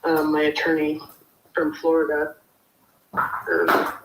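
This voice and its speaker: A woman's voice: low voice, big pitch swings, slow pace. Woman heard over an echoey speakerphone. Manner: hesitant, many fillers. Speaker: interviewee, mother of the deceased. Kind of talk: remote interview. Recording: echoey speakerphone with faint hiss.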